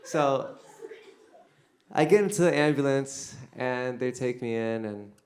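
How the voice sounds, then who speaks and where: A man's voice: medium pitch, slow pace. A young man telling a personal faith testimony in a casual storytelling way, full of fillers. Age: young adult. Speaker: son giving a testimony. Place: university venue. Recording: echoey room.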